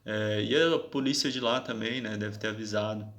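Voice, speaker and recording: A man's voice: lowish voice, normal speed, fairly bright tone. A young man tells his story casually to viewers, in an aggrieved, slangy way, and keeps checking "sabe?".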